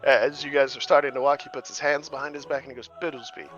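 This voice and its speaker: A man narrating as game master in a relaxed, descriptive storytelling way. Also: mid-range voice, quick pace, faint music behind. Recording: muffled lo-fi audio.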